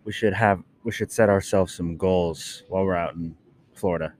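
A man's voice: sits low, steady tone, moderate pace, a little mellow, a little hiss or hum. A man co-hosting a casual podcast at an airport gate, laid-back, slangy and profane. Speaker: podcast co-host. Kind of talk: casual chat.

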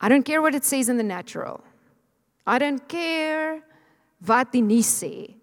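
A middle-aged woman preaches with fervent conviction, her fairly high voice pressing the congregation to answer back. Her words ring out with the long reverb of a church sanctuary. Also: lively intonation, a little slow. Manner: fervent, exhorting, leads the congregation in call and response. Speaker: pastor. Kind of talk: sermon.

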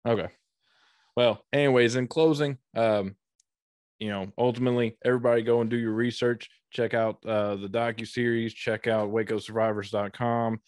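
A man hosting a podcast interview over a video call, talking haltingly with many fillers and restarts. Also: mid-range voice, fairly even intonation, a little mellow, dry recording, studio quality. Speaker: podcast host.

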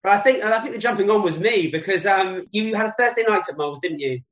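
A man's voice: sits high, quick pace, fairly bright tone. A man in his late thirties hosting a casual chat, enthusiastic and reminiscing. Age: 30s. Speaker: podcast host. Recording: echoey, dull lo-fi sound.

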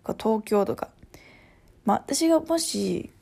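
A woman with a Kansai accent chatting casually as a vlogger, rambling and often dropping to a soft half-whisper. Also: on the high side, animated, measured pace, vocal fry, slightly rough. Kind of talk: casual chat.

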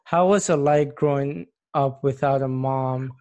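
Mellow-voiced male interviewer. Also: medium pitch, fairly even intonation, unhurried, muffled recording. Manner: short prompting questions. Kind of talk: personal interview.

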